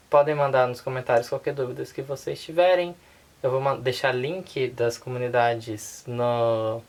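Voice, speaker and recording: A woman with a Brazilian Portuguese accent giving a casual online language lesson, relaxed and unhurried, often checking in with her listeners. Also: rumbling low. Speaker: language teacher.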